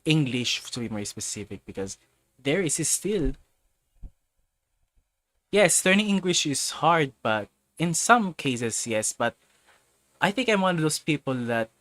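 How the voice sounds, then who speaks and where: A Filipino man hosting a casual livestream answers viewers in a rambling way, with frequent restarts and self-corrections as he circles back to his point. His voice is medium-pitched with a sharp tone, and the recording is dry.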